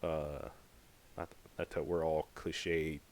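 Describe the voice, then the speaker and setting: A man's voice: a bass voice, flat delivery, slow pace, darkish tone. A man hosting a podcast, talking casually in a rambling, emphatic way with lots of fillers. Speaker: podcast host. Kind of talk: casual monologue.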